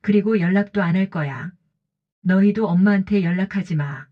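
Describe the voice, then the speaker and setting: A woman's voice: mid-range voice, normal speed, close to an everyday voice. A woman voicing a cautious, lonely woman in her late fifties who talks in short, plain sentences, on a dull lo-fi recording. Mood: firm. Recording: dull lo-fi audio.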